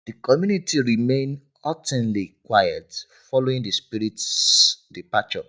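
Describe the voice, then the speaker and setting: A man's voice: medium pitch, expressive, measured pace, low-quality recording. A man narrating a dramatic folk tale in a grave storytelling manner. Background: loud background music.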